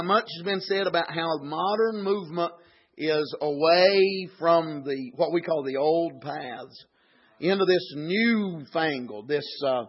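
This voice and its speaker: A preacher in his forties speaks with a high, husky voice. He keeps an old-time pulpit cadence, punctuating his points with amens. The recording sounds dull and muffled. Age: 40s. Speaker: pastor. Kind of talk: sermon.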